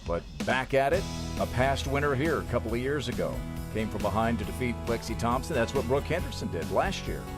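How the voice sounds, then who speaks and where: A man's voice: mid-range voice, lively intonation, a little fast, few pauses, loud music behind the voice. A man commentating on live golf as a broadcast announcer, giving shots and player notes in short clipped phrases.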